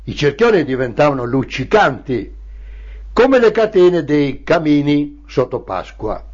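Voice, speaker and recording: Older male narrator from Italy, somewhat high voice, very slow memoir telling, dull lo-fi recording. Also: sing-song, breathy edge. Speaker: storyteller recalling his childhood.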